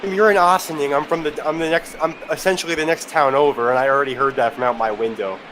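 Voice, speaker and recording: A man's voice: fairly high pitch, fairly even intonation, fast talker, fairly bright tone, a little hiss or hum. A man working as a color commentator, giving conversational live baseball analysis.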